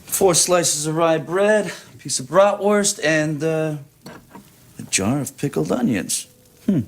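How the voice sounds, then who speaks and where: An actor playing an easygoing American soldier in a film drama, with a folksy, teasing, card-dealer drawl. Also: male voice, on the high side, animated, takes it slowly, heavily acted. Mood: wry, playful.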